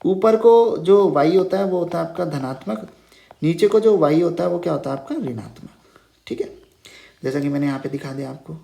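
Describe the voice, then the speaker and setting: A man's voice: a little high, moderate pace, creaky, warm tone. A man teaching a math lesson, patiently repeating key terms as questions and checking in with "okay" after nearly every phrase. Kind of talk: Hindi math lesson over a whiteboard. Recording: roomy echo.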